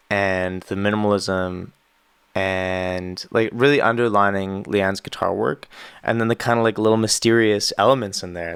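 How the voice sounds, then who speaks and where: A man's voice: on the low side, fairly bright tone, clean tone, no echo. Man, Canadian accent, casual reaction commentary, enthusiastic and rambling, dry close sound. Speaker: musician reacting to an album.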